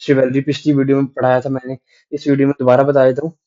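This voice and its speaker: A male literature teacher lectures in mixed Hindi and English, explaining step by step and often checking with the class. His voice is dark and mellow, and the recording sounds dull and lo-fi. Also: mid-range voice, little pitch movement, fast. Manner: explains patiently, checking in with 'right?'.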